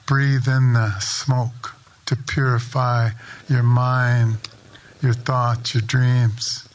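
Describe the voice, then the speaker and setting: A man leading a sunrise ceremony outdoors, giving a spoken blessing in a slow, measured, invocational way. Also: mid-range voice, level tone, slight background noise. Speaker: ceremony prayer leader.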